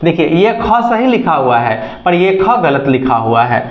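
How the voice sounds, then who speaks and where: A man's voice: fairly high pitch, sing-song, a little slow. A man teaching a lesson, repeating each definition and asking and answering his own questions. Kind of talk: classroom lesson. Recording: echoey room, dull sound.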